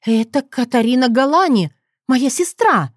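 A woman voicing a defiant young heroine, an older sister who answers with sharp, indignant retorts. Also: high voice, expressive, a little slow, no echo, clean studio sound, voice pushed up. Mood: alarmed.

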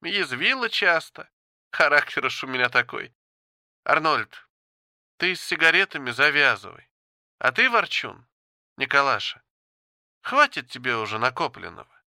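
A man voicing a dying old woman pilot who speaks calmly in a gentle, folksy, resigned way, in an audiobook. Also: medium pitch, dry recording, studio quality, exaggerated voice. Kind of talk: audiobook character voice.

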